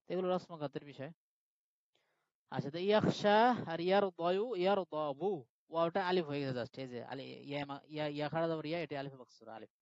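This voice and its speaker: A man's voice: fairly high pitch, fast, a little mellow, dull audio. A male teacher giving a live online grammar lesson. He explains patiently step by step and often checks in with his students. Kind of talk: live online class lecture.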